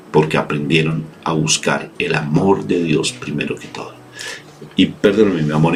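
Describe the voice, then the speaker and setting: Very deep-voiced earnest male preacher. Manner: earnest, fervent, acts out pleas in a higher voice. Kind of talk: spoken reflection and sermon. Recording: faint background noise.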